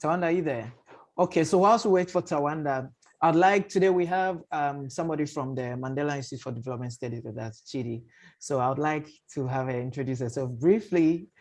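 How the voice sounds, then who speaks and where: This man speaks fairly quickly in a fairly high, slightly mellow voice. As host and moderator of an online panel on a video call, he keeps things informal and chatty, rephrasing himself as he goes.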